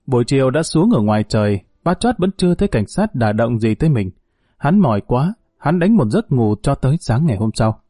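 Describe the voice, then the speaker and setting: Male audiobook narrator, steady and measured, warm dark tone, dry close read. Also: medium pitch, no room sound.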